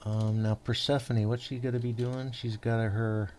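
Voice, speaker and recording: Guy talking through board game rules, lots of uh and um, keeps restarting sentences, middle pitched voice. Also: level tone, mellow, a little hiss or hum. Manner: rambling, halting, heavy on fillers and restarts; patient rules explaining. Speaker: host explaining rules to an opponent. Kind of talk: casual tabletop game chat.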